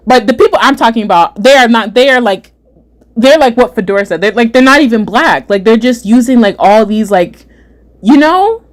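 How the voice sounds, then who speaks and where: A young adult woman hosting a casual livestream chat, reading viewer comments aloud, animated and repeating herself often. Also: a little high. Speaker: livestream host.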